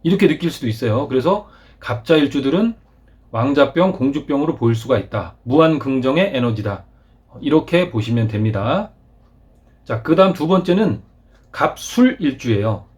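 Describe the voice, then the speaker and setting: A man hosting his own channel, explaining step by step over a screen recording in a polite, formal way, with frequent filler pauses. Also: mid-range voice, lively intonation, a little mellow. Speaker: channel host explaining fortune-telling.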